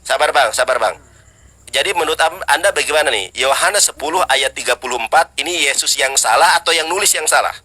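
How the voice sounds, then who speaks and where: A man's voice: a little fast, sharp tone. A Sundanese man debating on a video call, pressing and challenging the other side. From West Java, Indonesia. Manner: challenging, insistent, chants scripture in high sung tones. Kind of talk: live debate.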